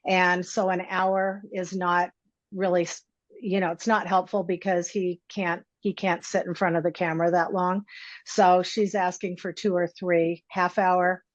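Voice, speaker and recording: Female attorney, lowish monotone, hesitant courtroom address, dull lo-fi recording. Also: no room sound. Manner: hesitant, with many pauses. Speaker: attorney speaking for a client. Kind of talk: informal explanation to a judge in court. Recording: dry, dull lo-fi courtroom audio.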